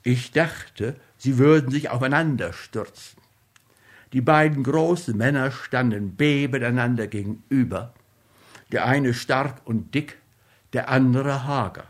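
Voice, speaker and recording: Male narrator, slow solemn audiobook read, mid-range voice. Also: mid-range voice. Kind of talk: literary audiobook reading.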